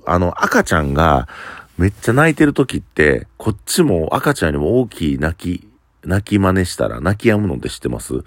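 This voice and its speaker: A man's voice: rumbling low, vocal fry, dry recording, clean studio sound. A man with a Kansai accent, a standing bar owner, talking casually on his own in a blunt, opinionated way. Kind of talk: casual solo talk.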